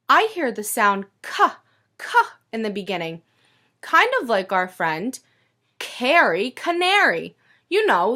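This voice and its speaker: Reading a picture book to a group of young children, a female teacher with a voice on the high side goes expressive and sing-song, pausing to pose questions.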